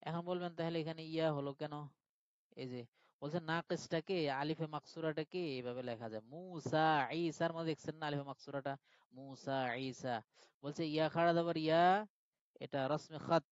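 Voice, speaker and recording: A man with a fairly high voice teaching a live online grammar class. He walks through each point patiently and keeps asking whether his students follow. The sound is dry, close and a little muffled. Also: fairly even intonation, normal speed, clean tone, no echo. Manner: patient step-by-step explaining, checks in with students.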